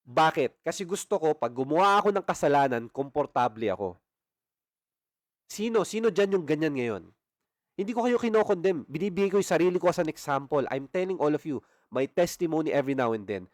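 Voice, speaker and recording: Fiery Filipino-accented male preacher for a phone livestream Bible study, fairly high voice, dry close sound. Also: lively intonation, brisk, dry recording. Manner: impassioned, scolding rhetorical questions; switches between Tagalog and English.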